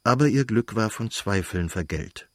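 A man calmly reading a novel aloud as an audiobook narrator in a measured way. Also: lowish voice, dry recording, studio quality. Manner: calm, measured storytelling.

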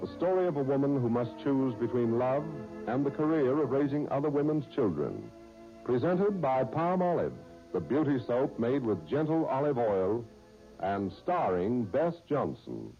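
A man announcing a 1930s radio serial in a smooth, measured announcer style, heard as an old radio broadcast. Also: mid-range voice, sing-song. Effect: old radio broadcast sound. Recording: dull old radio recording, faint music.

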